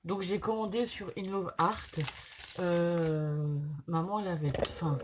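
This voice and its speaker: Casting: female craft vlogger, low voice, sick with tonsillitis and sore-throated, apologetic casual delivery, faint background noise. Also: darkish tone. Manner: hesitant, apologetic, chatty. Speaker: craft channel host. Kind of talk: casual unboxing vlog.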